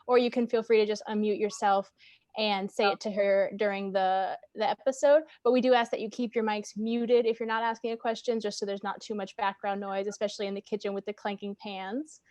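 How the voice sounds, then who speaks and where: A woman's voice: medium pitch, fairly even intonation, a little fast, darkish tone, no echo. A woman moderating an online event, giving organized announcements in a friendly way with filler ums. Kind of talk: announcements on a video call.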